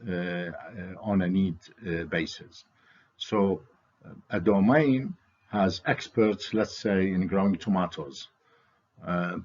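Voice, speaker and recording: Deep-voiced man, slow halting presentation. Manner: halting, hesitant delivery. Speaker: presenter for a diaspora network. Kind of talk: slide presentation talk. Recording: dull, lo-fi audio.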